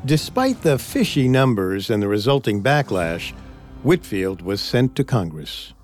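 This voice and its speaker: A man's voice: on the low side, very animated, a little slow. A man co-hosting a history podcast, reading a script and voicing quotes with drama. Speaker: podcast co-host. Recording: faint music bed.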